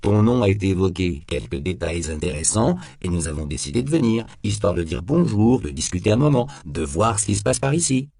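A man's voice: lowish voice, very animated, fairly quick, vocal fry, hardly any pauses, dark tone, no echo, studio quality, pitched above the performer's own voice. A man voicing a sardonic, hard-nosed police detective interrogating a suspect in a cool, needling tone in an audiobook. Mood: pressing. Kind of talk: audiobook character voice.

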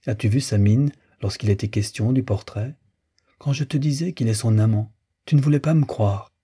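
A man's voice: mid-range voice, moderate pace, dark tone, slightly rough. A man voicing a smug, suspicious middle-aged husband who insinuates and gloats, in an audiobook reading. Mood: gloating. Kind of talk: audiobook character voice.

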